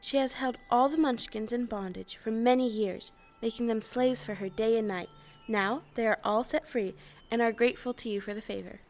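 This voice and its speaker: A woman's voice: fairly high pitch, normal speed, darkish tone, faint music behind, lightly acted. A woman playing a small, kindly old good witch in an audio play, explaining things in an assured, matter-of-fact way. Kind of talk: stage-style audio play acting.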